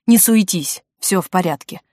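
A woman's voice: lowish voice, animated, normal speed, warm tone, no echo, studio quality. A woman reading the part of a wounded, feverish young man in an audiobook. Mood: feverish, tender.

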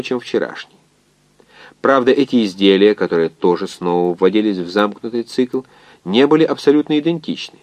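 A man narrating a science fiction novel in an expressive, measured reading. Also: mid-range voice, dry recording. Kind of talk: scripted audiobook narration.

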